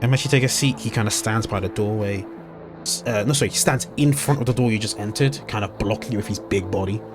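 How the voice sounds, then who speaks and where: A man's voice: lowish voice, fast talker, over music. A man narrating as game master of a tabletop game, casual and hesitant, full of ums and self-corrections, with frequent swearing.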